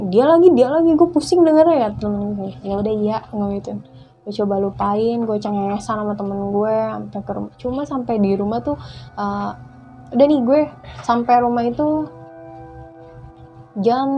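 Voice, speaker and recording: A young woman, a guest in casual conversation who tells her story lively and acts out the dialogue. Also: medium pitch.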